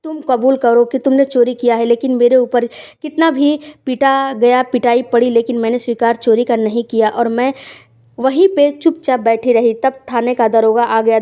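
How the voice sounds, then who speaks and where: A woman narrates a first-person story, speaking plainly and conversationally with quiet emotional weight. Her voice sits a little high, and its tone is soft and mellow. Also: fairly even intonation, moderate pace.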